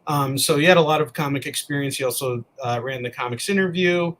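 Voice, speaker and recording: Friendly and earnest, this Chicago-area man talks about his comics work as an interview guest in a relaxed setting, his speech dotted with ums and uhs. His voice leans high and fairly bright.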